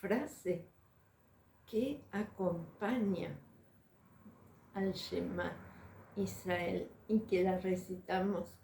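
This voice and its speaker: A woman teaching a religious lesson as a spiritual coach, measured and deliberate, pausing often to find her words. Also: mid-range voice, vocal fry, mellow, reverberant, slight background noise.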